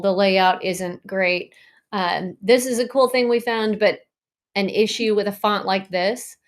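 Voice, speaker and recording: A woman at home casually walking viewers through a design tool on a shared screen, chatty and full of ums and likes. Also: medium pitch. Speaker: design tutorial presenter.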